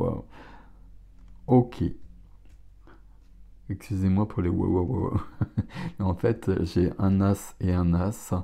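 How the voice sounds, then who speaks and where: A middle-aged man doing a casual tarot reading, relaxed and chatty, exclaiming over the cards. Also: deep voice, gravelly. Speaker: tarot reader.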